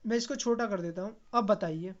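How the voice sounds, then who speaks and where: A man with a high, brisk voice teaches an online exam practice lesson, quizzing his viewers and then repeating and answering the questions himself. The recording sounds dull and lo-fi.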